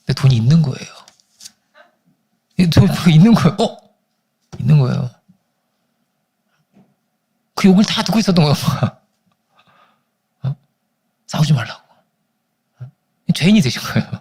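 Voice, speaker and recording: Animated preacher man with a lively voice. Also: moderate pace, vocal fry, long pauses, breathy edge. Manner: animated storytelling, acting out family quarrels in high voices. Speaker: pastor. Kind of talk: sermon.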